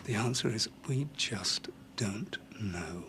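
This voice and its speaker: A doctor in a TV drama. His voice is low and gravelly. He speaks slowly and carefully, in a gentle, measured way. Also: lively intonation, slight background noise, full character voice. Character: calm male doctor breaking hard news. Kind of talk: TV soap drama.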